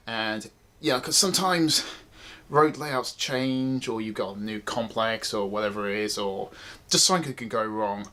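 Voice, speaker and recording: A man's voice: medium pitch, a bit bright. A man, a wedding photographer, giving casual, emphatic advice to viewers in a chatty vlog. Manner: chatty, emphatic, repeats phrases.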